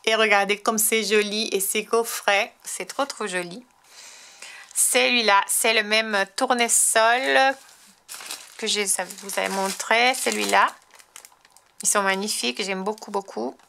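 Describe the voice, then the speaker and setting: Gravelly-voiced French woman showing crafts. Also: medium pitch, fairly even intonation, unhurried, pushed and bright, a little hiss or hum. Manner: chatty, enthusiastic, frequent restarts and fillers. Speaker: crafting tutorial host. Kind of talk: casual show-and-tell tutorial.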